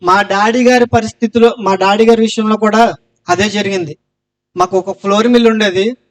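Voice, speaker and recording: High-voiced man giving an earnest testimony. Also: fairly even intonation, normal speed. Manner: earnest storytelling, loud cries of Jesus' name. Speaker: testimony speaker.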